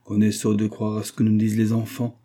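A man's voice: fairly low pitch, monotone, brisk, warm tone, lightly acted. A man reading a classic novel aloud, voicing a proud and stern middle-aged aristocratic mother who scolds her daughter. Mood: haughty. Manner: haughty, scolding.

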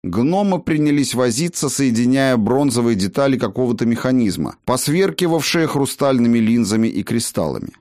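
A male narrator telling a fantasy story in an expressive way, his pitch ranging widely. He sits at a middle pitch for a man, close to a dry microphone. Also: normal speed, hardly any pauses, dry recording. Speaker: audiobook narrator.

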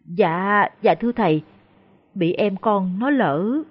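A woman's voice: mid-range voice, lively intonation, takes it slowly. A woman voicing a frightened, humble peasant woman who stammers deferentially. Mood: anxious pleading. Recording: dull lo-fi recording.

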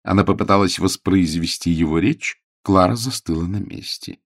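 A man narrating an audiobook in an expressive storytelling manner. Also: low voice, moderate pace, no echo, clean studio sound. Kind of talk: scripted narration.

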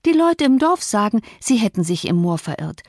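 Woman doing a chattering middle-aged housemaid, gossipy, high and eager, audiobook, dry close sound. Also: very animated, normal speed, dry recording.

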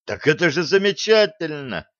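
A man's voice: mid-range voice, lively intonation, a little slow, a bit bright, no room sound. A man voicing a bold male space captain in a sci-fi audiobook, speaking decisively with sarcastic energy. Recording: dull lo-fi dry recording.

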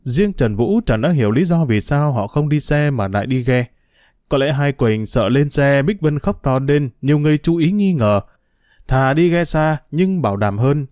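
A male narrator reads a story in a steady, measured voice. His tone is warm and mellow, and the recording is dry and close with no room sound. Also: medium pitch, no echo. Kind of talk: audiobook story reading.

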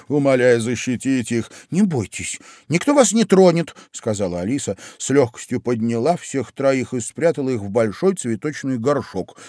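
Animated male fairy-tale narrator, lively pitch, dry close sound. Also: no echo. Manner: expressive, dramatic reading. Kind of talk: storybook narration.

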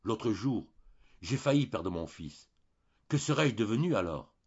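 A timid young woman in a storybook, halting and soft-spoken, her words breaking off and restarting, as a male reader puts her on. The voice sits low and a little husky, on a dull, slightly lo-fi recording. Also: big pitch swings, exaggerated voice. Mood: hesitant. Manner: hesitant, faltering, soft-spoken.

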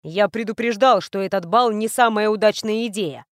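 A woman reading the lines of a cold, stern male bodyguard in a clipped, flat manner. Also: medium pitch, moderate pace, no echo, studio quality, close to an everyday voice.

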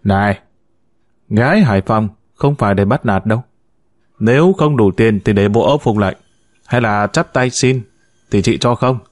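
A man voicing a feisty, sharp-tongued woman near thirty who bickers and teases, in a read-aloud story. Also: lowish voice, no room sound, natural voice. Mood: angry. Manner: brash, quick to bicker and tease.

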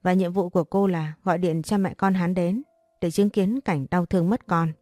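A woman's voice: fairly low pitch, fairly even intonation, moderate pace, darkish tone, no room sound, soft background music, lightly acted. A woman voicing a vengeful young mistress of the house who gives firm, cold orders in an audio story. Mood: commanding.

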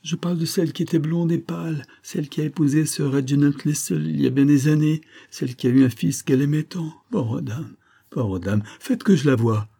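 A man voicing a frantic, shrill sick woman. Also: brisk, creaky, warm tone, husky. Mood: pleading. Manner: frantic, pleading, high and shrill. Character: delirious sick woman, desperate and guilt-ridden. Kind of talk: audiobook character reading.

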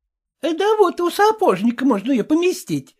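A woman voicing a kindly, practical household cook who instructs gently and coaxingly. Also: sits high, very animated, moderate pace, voice pushed up.

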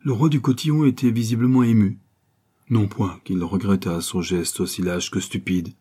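Low, husky male narrator. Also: fairly even intonation, moderate pace, warm tone. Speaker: audiobook reader. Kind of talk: scripted narration.

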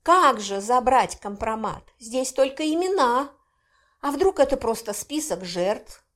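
A woman reading an audiobook, voicing a sharp-tongued young witch heroine who is excitable and quick to protest. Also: on the high side, pitched above the performer's own voice. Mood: excited. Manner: indignant, excitable, quick to cry out.

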